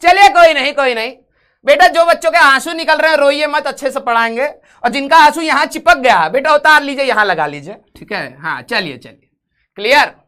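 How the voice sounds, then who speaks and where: Expressive and a little fast, this man's very high-pitched voice comes across pushed and bright. He leads a live online physics class, teasing students with jokes, and moves into English whenever he reads out questions.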